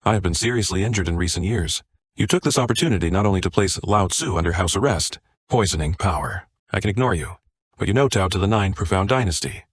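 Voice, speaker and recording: A man's voice: sits low, fast talker, slightly rough, dry recording. A man voicing a grateful old male martial sect master with formal, deferential speech. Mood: stern.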